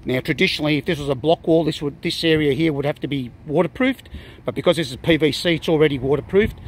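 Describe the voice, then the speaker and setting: A middle-aged Australian man giving a casual, halting walkthrough of an outdoor building site, filled with ums and uhs. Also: fairly high pitch, slight background noise. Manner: plain-spoken, many ums and uhs, halting restarts. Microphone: handheld phone camera.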